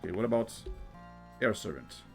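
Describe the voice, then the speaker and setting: Male gamer for a casual playthrough, lowish gravelly voice, halting and thinking aloud, clear game music underneath. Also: expressive, darkish tone. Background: video game music.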